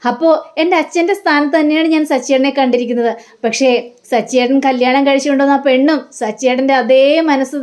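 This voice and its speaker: A woman's voice: high voice, darkish tone, close to an everyday voice. A woman voicing an emotional young man, a younger brother who speaks earnestly.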